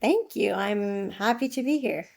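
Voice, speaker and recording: A woman's voice: medium pitch, animated, measured pace, creaky, a little mellow, soft background music. A woman in her twenties from Iraq, a podcast guest telling her story thoughtfully and candidly. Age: 20s. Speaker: guest, author. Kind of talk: interview.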